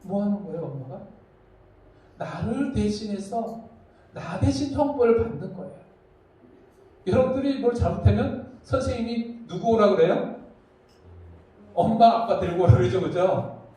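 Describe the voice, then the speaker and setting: A man's voice: high-pitched, moderate pace, pauses often. A man preaching a children's sermon, telling stories and acting out the voices he quotes. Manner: lively storytelling, acts out quoted voices. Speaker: children's pastor. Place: church hall. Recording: echoey church hall, mic from far off.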